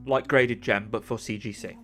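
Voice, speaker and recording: Guy hosting a podcast, rambly and chatty, mid-pitched voice, lots of restarts. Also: steady tone, normal speed, fairly bright tone, soft background music. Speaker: podcast host. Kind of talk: casual podcast chat.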